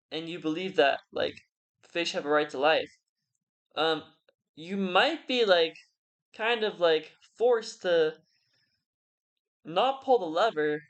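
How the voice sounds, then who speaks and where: Someone drunk, rambling casually through an argument in halting phrases that trail off. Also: medium pitch. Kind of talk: casual rambling philosophical monologue.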